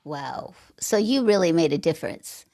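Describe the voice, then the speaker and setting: A woman's voice: low voice, expressive, normal speed, vocal fry, mellow. A woman hosting a podcast interview, talking in a chatty, conversational way with asides. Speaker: podcast host. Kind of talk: casual interview chat.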